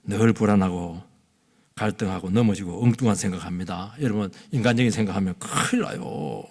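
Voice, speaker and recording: A middle-aged male pastor preaching a sermon in a church, swinging between loud bursts and hushed asides, sometimes acting out voices. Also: fairly low pitch, a little fast, slightly rough. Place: church sanctuary. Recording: long hall reverb.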